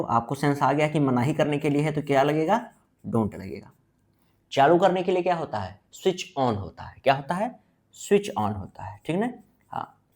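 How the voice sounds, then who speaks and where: A man giving a blackboard grammar lesson, asking questions and answering them himself, and slowly stretching out his example sentences. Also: medium pitch, darkish tone. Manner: drawn-out emphasis on example sentences. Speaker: English teacher.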